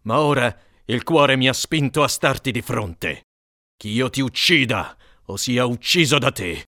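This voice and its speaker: A noble, doomed warrior prince speaks in a grave and solemn voice with a bright, tense edge, as a man acts him out. The sound is close and dry, like an epic audiobook reading. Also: medium pitch, lively intonation, a little slow, no echo.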